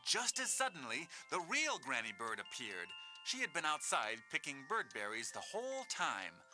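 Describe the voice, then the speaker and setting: A man playing an expressive narrator of a children's storybook. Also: a little high. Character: animated male storybook narrator.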